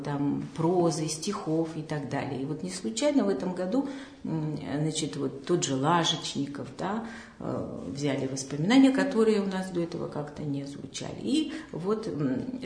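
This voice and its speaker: A woman with a very low voice answers interview questions about her house museum. She speaks hesitantly and fills her pauses with many sounds. The room around her rings with a noticeable echo. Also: animated, a little mellow. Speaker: house museum staff member. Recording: roomy echo.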